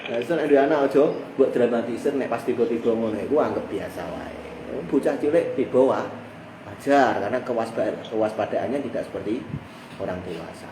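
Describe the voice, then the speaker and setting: A man with a Javanese accent teaching a religious text study, reciting Arabic phrases and then explaining them in lively local speech. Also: medium pitch, fairly quick. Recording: echoey room, heard from a distance with background noise.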